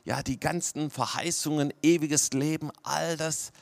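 A pastor from Swabia, Germany, preaches a sermon to his congregation, frequently checking in with "ja?" and sinking to a near-whisper for emphasis. His voice is fairly high and gravelly, with fairly even intonation and a measured pace.

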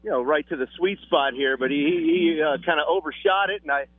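A radio morning show host phoning in from an outdoor concert, chatting in an upbeat, joking way over a phone line that cuts out. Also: male voice, on the high side, a little fast, no room sound. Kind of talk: casual on-air chat. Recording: dry, tinny phone line.

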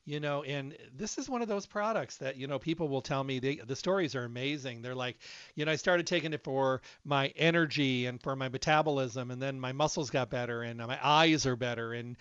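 A man hosts an interview, speaking with enthusiasm and earnest conviction. His voice sits at a middle pitch. The recording is dry, with a slightly dull, muffled tone. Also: fairly quick, fairly bright tone, clear, resonant tone, dry recording. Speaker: interview host. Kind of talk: casual interview talk.

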